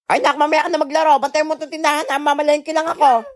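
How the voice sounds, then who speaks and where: A woman with a Filipino accent acting out a comedy skit, loud and scolding in a playful way. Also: high voice, level tone, quick pace, dry recording, studio quality. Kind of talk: comedy skit role-play.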